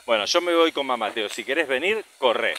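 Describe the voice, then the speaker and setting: Here the Rioplatense-accented father sounds expressive and a little fast, his voice mid-range. He's out walking along a path, chatting with his child and narrating a casual vlog into the camera or phone he's holding. Outdoor noise comes through clearly.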